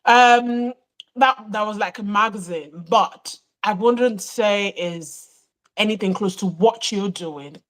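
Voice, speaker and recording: A woman from Nigeria with a Nigerian accent, hosting a live online chat show over a video call, chatty and quick to laugh. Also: mid-range voice. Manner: chatty, laughs often, apologetic. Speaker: host.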